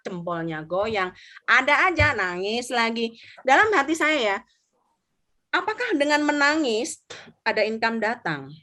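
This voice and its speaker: A middle-aged woman, an insurance agency leader giving a motivational sharing talk, acting out quotes and mixing in English words. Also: a little high. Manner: lively storyteller, acts out quotes, mixes in English.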